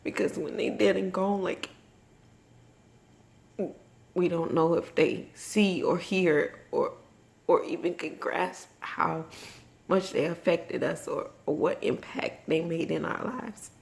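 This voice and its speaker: A woman vlogging in a personal, confessional way, emotional and tearful after crying, speaking haltingly and reflectively. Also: fairly low pitch, gravelly. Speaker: vlogger and mother. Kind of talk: personal, confessional vlog talk.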